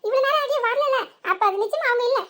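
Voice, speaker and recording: A woman's voice: very high voice, fast, a bit bright, a little hiss or hum. A woman voicing a chatty, teasing young village wife in a comic cartoon, with a southern Tamil Nadu accent and gossipy muttered asides. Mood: grumbling asides.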